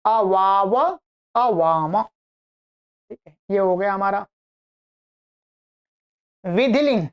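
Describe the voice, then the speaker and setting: Woman grammar teacher, smooth resonant voice, unhurried drill recitation. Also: a little high, highs cut off. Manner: chants verb forms in slow measured lists, quickens for explanations.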